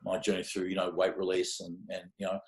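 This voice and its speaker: A man's voice: low-pitched, monotone, fast, darkish tone. An Australian man in his fifties, a podcast guest telling stories in a rambling, hesitant way, with lots of fillers and casual swearing. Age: 50s. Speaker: podcast guest, music mastering engineer. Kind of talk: casual conversational interview. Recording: echoey room sound.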